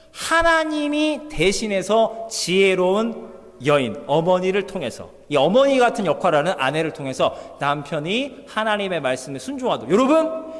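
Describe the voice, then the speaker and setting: A man preaching a lively sermon as pastor in a church, acting out quotes and swinging between loud and soft delivery. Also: high-pitched. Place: church hall. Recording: long church hall reverb.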